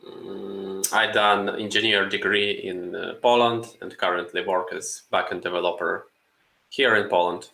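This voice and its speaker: A man from Ukraine, in English, co-hosting a casual podcast and talking in a halting way with many fillers. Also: low voice, fairly even intonation, gravelly, sharp tone, roomy sound, low-quality recording. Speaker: podcast co-host. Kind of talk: casual chat.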